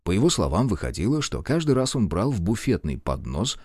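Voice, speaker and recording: A man narrating an audiobook in an expressive storytelling manner, voicing all the characters. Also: fairly low pitch, a little fast, dry recording, clean studio sound. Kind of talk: scripted narration.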